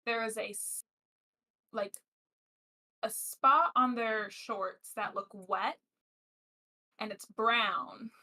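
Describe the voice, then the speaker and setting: A woman's voice: a little high, extremely slow, pauses often, sharp tone. A young woman co-hosting a podcast, telling a story in casual chat with hesitant ums. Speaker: podcast co-host.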